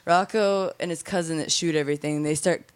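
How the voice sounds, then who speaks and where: A woman's voice: sits low, fairly even intonation, brisk, clear, resonant tone. A young woman telling candid, crude stories in a casual chat, full of fillers and restarts.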